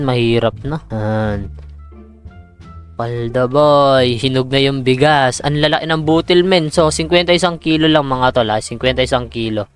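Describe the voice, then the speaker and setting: A man giving casual, excitable commentary on a farming game, with exclamations over big crops. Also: medium pitch. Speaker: gaming streamer. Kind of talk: casual Roblox gameplay commentary.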